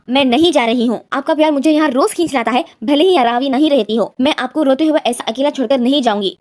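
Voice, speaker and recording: A woman narrating a recap of a TV serial episode, recounting each character's lines in turn and lightly acting the quoted lines. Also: high-pitched.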